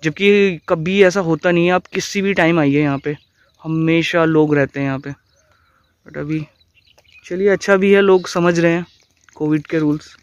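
A young Indian man vlogs while cycling past an empty stadium, earnestly offering friendly advice to viewers through the mic of a camera fixed to his handlebars. His voice sits on the high side and comes a little slow, with a clear, resonant tone. The sound is dry and dull, with loud ambient noise from outdoors.

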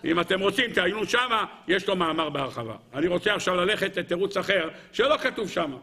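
A man, a rabbi, giving a weekly Torah lesson, asking rhetorical questions over and over and answering them himself, and addressing his listeners as gentlemen. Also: gravelly. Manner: animated, swings between high and low.

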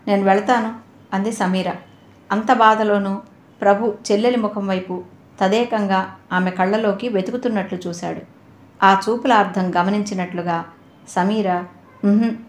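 A woman reading a novel aloud as its narrator, in a steady storytelling manner. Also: medium pitch, roomy sound. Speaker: audiobook narrator. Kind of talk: novel reading with voiced dialogue.

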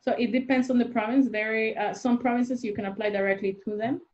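Fast and steady in tone, her slightly mellow voice sits on the high side. This young adult immigration consultant, interviewed on a video call from a small room, goes through the rules step by step with worked examples. Her webcam mic produces dull lo-fi audio.

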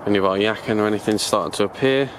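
A man's voice: fairly low pitch, very fast. A man giving a chatty, rambling walking tour of his allotment, filming it himself on a handheld camera outdoors. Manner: rambling, chatty, self-correcting. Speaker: allotment vlogger. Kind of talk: casual walking tour narration. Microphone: handheld camera mic, filming from own view. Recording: outdoor camera audio with steady background noise.

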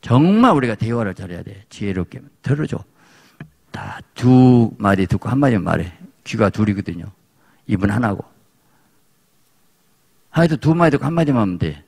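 Gravelly pastor with a Jeolla accent. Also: male voice, lowish voice, big pitch swings, moderate pace, long pauses, darkish tone. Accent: Jeolla Korean. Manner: emphatic, repetitive exhortation. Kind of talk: sermon.

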